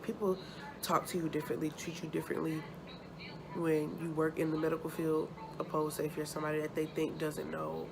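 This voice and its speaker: A woman vlogger chatting casually and haltingly, sounding sore and uncomfortable after surgery. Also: low-pitched, creaky. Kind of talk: casual chat, personal update to camera. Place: hospital room. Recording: noticeable background noise.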